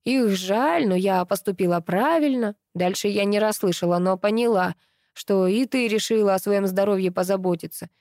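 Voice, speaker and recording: A woman reading an audiobook, voicing a grumpy, sharp-tongued female housekeeper with a creaky, blunt, scolding manner. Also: mid-range voice, normal speed, no room sound, clean studio sound, lightly acted.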